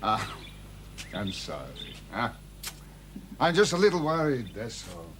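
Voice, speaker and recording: A man's voice: mid-range voice, wildly swooping pitch, unhurried. An actor playing a weary, affectionate, homesick ageing spy and father in a television drama. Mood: worried. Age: older. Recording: vintage TV soundtrack, clear background noise.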